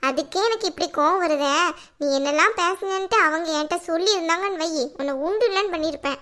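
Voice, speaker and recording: A fierce, fed-up young wife in a cartoon, voiced by a woman. She talks back sharply with a sarcastic edge, in a very high, bright voice. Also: quick pace. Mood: defiant. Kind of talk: cartoon voice acting.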